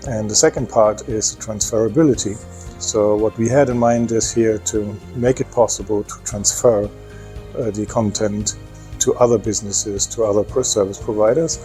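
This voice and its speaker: Low, mellow-voiced man with many pauses. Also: steady tone, soft background music. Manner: hesitant, many ums, restarts. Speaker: expert for a project. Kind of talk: talking to camera in a promo clip.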